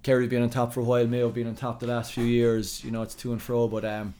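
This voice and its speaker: A man's voice: medium pitch, completely flat delivery, quick pace, dark tone. A man speaking casually as a goalkeeper guest in a sports podcast interview.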